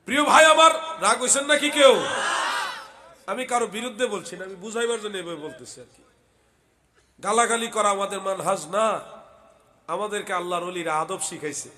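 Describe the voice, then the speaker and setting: A hoarse man from Bangladesh, a preacher delivering a heated waz sermon at a religious gathering, often raising his voice. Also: high-pitched, brisk. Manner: loud, heated, swings into shouting. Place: outdoor religious gathering stage.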